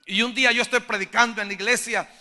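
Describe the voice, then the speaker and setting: A middle-aged man preaching a sermon as pastor, impassioned, moving from hushed storytelling to shouted appeals. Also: very high-pitched, fairly even intonation, fast talker.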